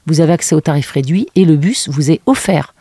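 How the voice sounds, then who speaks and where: A woman's voice: deep voice, animated, fairly quick, mellow, slightly rough, no room sound. A woman speaking as a guest in a radio studio interview, talking hesitantly with many fillers. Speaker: guest from a cultural venue.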